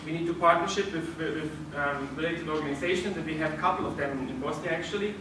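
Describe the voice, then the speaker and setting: Recorded far off in a noisy, echoey room, a man presents to a group with frequent restarts and a hesitant manner. His voice is a little high and steady in tone, and his pace is quick.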